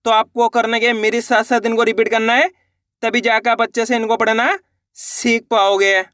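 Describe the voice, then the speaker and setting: A man teaching children to read, sounding out each letter slowly and then repeating the whole word. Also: very high voice, flat delivery, a bit bright, no echo, studio quality. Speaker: Hindi reading teacher. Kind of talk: patient spoken lesson.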